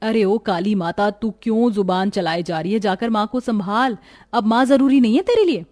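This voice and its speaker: A woman's voice: mid-range voice, moderate pace, darkish tone, faint music behind, close to an everyday voice. A woman voicing a vain, spoiled young woman in a storybook, scornful and bossy, slipping English words into her talk. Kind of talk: storybook voice acting.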